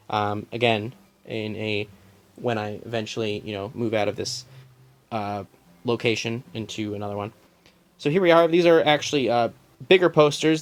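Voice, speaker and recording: A young man casually showing his collection to a phone camera, rambling with many ums and restarts in a small room at home. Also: mid-range voice. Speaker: collector giving a room tour. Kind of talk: casual filmed walkthrough.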